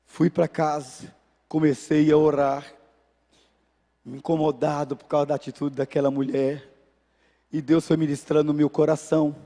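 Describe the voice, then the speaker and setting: Man, pastor, Brazilian Portuguese accent, sermon storytelling, high voice, echoing church hall. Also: moderate pace, pauses often. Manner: animated, acts out voices in anecdotes. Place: church sanctuary.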